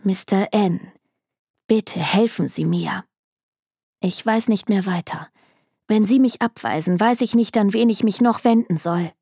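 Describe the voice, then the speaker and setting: A woman's voice: medium pitch, moderate pace, a little mellow, no echo, studio quality, close to an everyday voice. A woman voicing a determined, grieving young woman who asks a detective for help, earnest and pleading.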